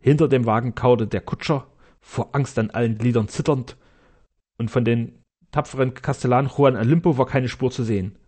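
A man narrating a classic adventure novel in a measured, steady storytelling manner. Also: mid-range voice. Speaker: audiobook narrator. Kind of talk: scripted narration.

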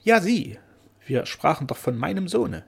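A man's voice: mid-range voice, fast, gravelly, a little mellow, husky. A man voicing a proud, joyful older duke in a storybook reading, talking in a cheerful, effusive manner.

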